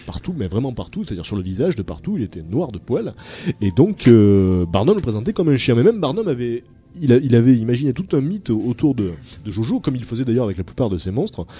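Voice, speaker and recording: A man hosting a radio chat show, telling odd stories in a lively, halting way full of fillers. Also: medium pitch, breathy edge. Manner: storytelling, many fillers, animated. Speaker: radio host.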